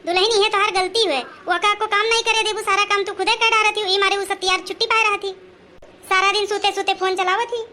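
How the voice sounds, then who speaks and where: A woman's voice: very high-pitched, fairly even intonation, quick pace, bright, forceful tone, a little hiss or hum. An actress playing a nagging, scolding village mother-in-law who speaks an in a comedy skit.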